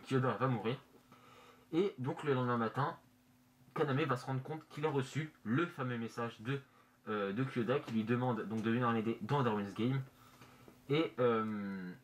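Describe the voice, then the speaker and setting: A man presenting casually in a halting, hesitant way, his voice slightly muffled through a face mask in a bedroom. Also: mid-range voice. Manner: hesitant, halting, searching for words. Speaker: manga review vlogger. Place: bedroom, indoors. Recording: noisy amateur room recording.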